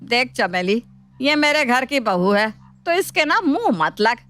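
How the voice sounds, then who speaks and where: A woman voicing a scheming, sharp-tongued mother-in-law who taunts and mocks her daughter-in-law in a cartoon story. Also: a little high, very animated, unhurried. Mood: taunting. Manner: taunting, mocking. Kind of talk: cartoon voice acting.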